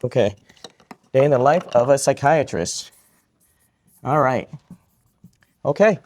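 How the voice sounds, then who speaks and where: A man from Vietnam, a psychiatrist, speaks at a slow pace in an animated, darkish, mid-range voice. Leading a live question-and-answer session for students, he jokes cheerfully and repeats each question back.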